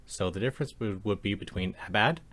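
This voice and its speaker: A man teaching a language lesson over slides, explaining calmly and slowing down to demonstrate sounds. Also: sits low. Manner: calm, measured explanation with slow demonstrations of sounds.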